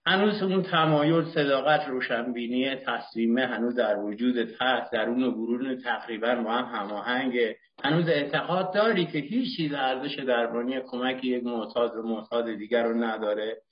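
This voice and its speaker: A man's voice: medium pitch, few pauses. A man at a recovery meeting, sharing with rhetorical self-questioning that rises to emotional peaks, heard over an online call. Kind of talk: impassioned personal sharing. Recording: distant, roomy, dull online call audio.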